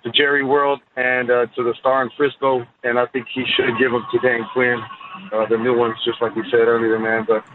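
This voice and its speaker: Radio show caller over a tinny phone line. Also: male voice, medium pitch, little pitch movement, a little fast. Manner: dry, sardonic, wry sarcasm. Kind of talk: call-in to a sports radio show. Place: in a car, driving. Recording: tinny phone line with faint road noise.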